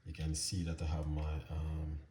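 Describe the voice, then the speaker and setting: A man with a soft, quiet voice, hosting a casual cooking demonstration and chatting unhurriedly with plenty of fillers. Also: completely flat delivery, normal speed, echoey room, recorded from a distance, slight background noise. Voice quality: soft, low-volume voice. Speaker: recipe channel host.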